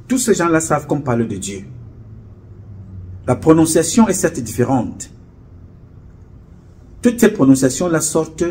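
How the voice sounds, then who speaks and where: Solemn man addressing his followers. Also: medium pitch. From Cameroon. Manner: solemn, measured, rhetorical, repeats and lists words. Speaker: association spokesman addressing followers. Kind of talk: direct-to-camera address. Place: indoor studio with camera crew.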